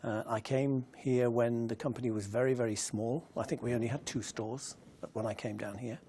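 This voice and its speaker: A man in a documentary interview, telling in a measured, reflective way about his years working abroad. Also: medium pitch, steady tone, a little hiss or hum. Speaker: retail executive interviewee. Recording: loud music under the voice.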